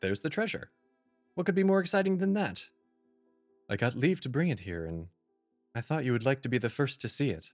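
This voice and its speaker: Guy doing earnest gentlemanly victorian doctor, audio drama, dry sound, faint music. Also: medium pitch, very animated, a little fast, pauses often, no echo, lightly acted. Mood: reassuring. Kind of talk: period mystery audio drama acting.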